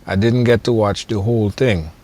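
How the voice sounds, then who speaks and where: A man's voice: fairly low pitch, moderate pace, a little mellow. A man hosting a channel, introducing a video and urging viewers to keep watching. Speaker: channel host.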